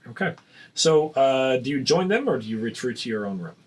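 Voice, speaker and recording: A man narrating a tabletop game as game master, pausing often with fillers and restarts. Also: medium pitch, big pitch swings, breathy edge, low-quality recording. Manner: hesitant, many fillers and restarts.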